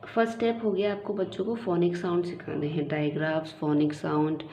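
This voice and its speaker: A woman teacher explaining to parents how to teach a child spelling, slowly sounding words out letter by letter. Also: low-pitched, little pitch movement, dark tone. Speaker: teacher and channel host. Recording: muffled, echoey room with faint hiss.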